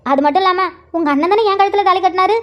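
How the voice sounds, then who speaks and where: Voiced as a squeaky, fast-gossiping sister-in-law. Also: lo-fi sound. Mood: gossipy. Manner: chatty, teasing, fast gossip. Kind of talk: Tamil cartoon voice acting.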